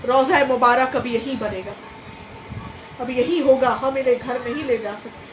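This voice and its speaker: A woman's voice: high voice, moderate pace, a little hiss or hum, close to an everyday voice. A woman voicing a grieving, dignified noble woman who laments and then defies, within a religious recitation. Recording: roomy hall with faint ambience.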